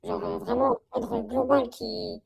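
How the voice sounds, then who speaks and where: A woman's voice: high voice, sing-song, a little slow, vocal fry, a little mellow, slightly rough, rough recording. A young woman giving a casual, slangy testimonial in an informal conversation. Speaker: coaching client giving a testimonial.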